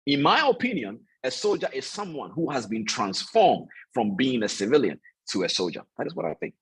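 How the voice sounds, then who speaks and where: A man coaching traders on an online video call. He preaches in an animated way, repeats his points for emphasis and keeps asking his listeners if it makes sense. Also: medium pitch, brisk, husky, rough recording. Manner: talks directly to listeners, asks "does that make sense?". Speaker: trading coach. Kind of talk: motivational online call lecture.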